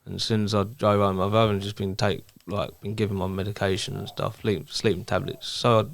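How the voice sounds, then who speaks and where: A man's voice: fairly low pitch, flat delivery, brisk, gravelly, slight background noise. A man, speaking hesitantly as a guest and talking candidly about his life, with many stops and restarts. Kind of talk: candid personal talk.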